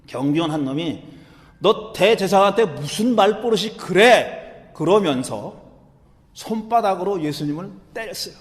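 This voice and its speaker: A male pastor preaching a sermon in a conversational, animated way, acting out the quotes he reads. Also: fairly high pitch, in a large hall.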